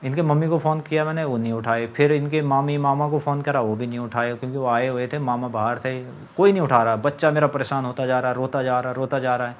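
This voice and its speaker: A man's voice: medium pitch, fairly even intonation, fast talker, hardly any pauses. A young man telling his own story in a casual monologue, agitated and complaining, acting out what others said. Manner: agitated, complaining, acts out quoted lines.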